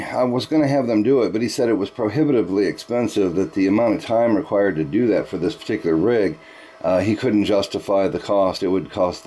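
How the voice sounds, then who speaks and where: A man with a fairly low-pitched, dark-toned voice talks casually as an amateur radio operator. He explains things in a chatty way and uses radio procedure words throughout the ham radio conversation.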